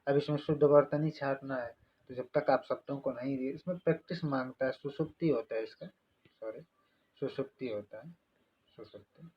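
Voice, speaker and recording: A man's voice: medium pitch, moderate pace, slightly rough, lo-fi sound. A man teaching an online exam-prep lesson, explaining step by step, repeating each answer and asking rhetorical questions.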